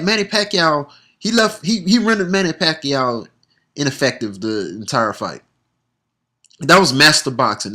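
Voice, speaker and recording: A man's voice: a little high, sharp tone. A man giving a blunt, heated, profane monologue about boxing and the sports media as a sports vlogger. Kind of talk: opinionated casual monologue.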